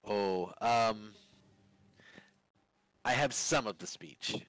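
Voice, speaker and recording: A man playing a halting young vampire prisoner. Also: lowish voice, a bit bright, dry recording, low-quality recording. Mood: wary. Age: young adult. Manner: hesitant, halting, trailing off. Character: young male vampire prisoner, former sailor, evasive. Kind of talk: tabletop role-play in character.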